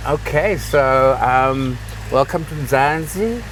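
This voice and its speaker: A man's voice: mid-range voice, expressive, slow, fairly bright tone, distant mic, soft background music, low-quality recording. A man hosting a casual interview, affectionate with his guest and hesitant, with many ums. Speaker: interviewer host.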